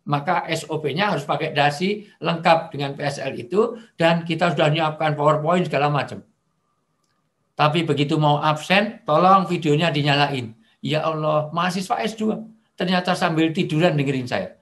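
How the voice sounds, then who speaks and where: A middle-aged man preaching over a video call, lively and joking, now and then acting out angry shouting. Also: on the high side, normal speed. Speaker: Islamic preacher. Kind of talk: online religious talk.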